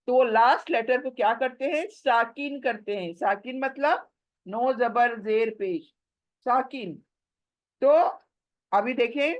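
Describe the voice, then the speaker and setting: A woman teaching Quran recitation rules in a patient, repeating manner, drawing out the verses in slow chanted recitation between explanations. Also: on the high side, no echo, rough recording. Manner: patient, repeats and asks the listener questions. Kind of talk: tajweed lesson mixing Hindi and English.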